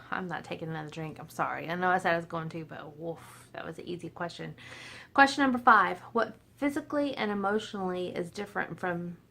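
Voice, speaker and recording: A woman in her forties with a lowish, fairly bright voice and vocal fry talks casually to the camera at home, a little tipsy and laughing frequently. The vlogger is chatty and self-deprecating, and there's a little hiss or hum on the recording.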